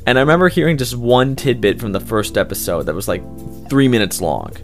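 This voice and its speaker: With faint music behind him, a young man who voices characters as a hobby answers interview questions briskly in an expressive, mid-range voice. His answers ramble, full of fillers and restarts.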